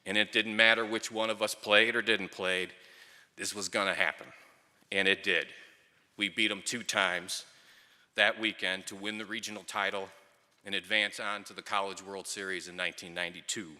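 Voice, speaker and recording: A middle-aged man delivers a tribute speech as a wry storyteller. His voice is fairly low and strikingly bright and forceful. He speaks at a microphone in a big hall with long, ringing reverb. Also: little pitch movement, moderate pace. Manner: wry, storytelling with dry humour. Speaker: speaker at a ceremony, former player and coach. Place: large hall or venue, speaking to an audience at a microphone.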